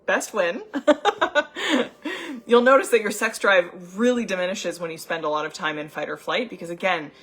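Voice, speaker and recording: A young adult woman, an anxiety coach, telling a personal story in a chatty, animated way with many filler words. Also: medium pitch, moderate pace, slightly rough. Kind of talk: casual storytelling vlog.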